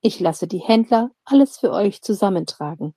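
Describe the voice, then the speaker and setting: A woman's voice: medium pitch, lively intonation, moderate pace, warm tone, dry recording. Jalka, a helpful dwarf quartermaster, read by a woman. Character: red-haired female dwarf quartermaster, helpful.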